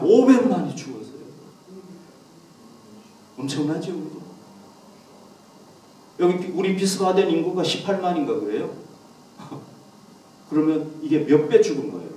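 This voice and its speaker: Male pastor, animated sermon, somewhat high voice, distant mic in a roomy hall. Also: slight background noise. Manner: lively preaching, acts out quoted lines with rising voice. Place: church hall, Korean congregation.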